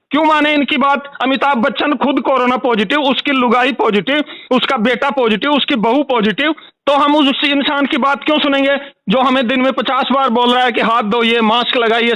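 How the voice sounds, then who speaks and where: A man's voice: extremely high pitch, steady tone, normal speed, bright, forceful tone, dry recording. Furious man ranting on a call. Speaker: angry caller. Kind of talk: phone complaint call. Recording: recorded phone call.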